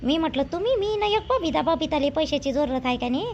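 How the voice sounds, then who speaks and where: Loud chatty village woman. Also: sits high, lively intonation, a little fast, lo-fi sound. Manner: calls out loudly, chatty gossiping. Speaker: villager narrating gossip. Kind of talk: village comedy sketch, one-woman dialogue. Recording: faint background noise.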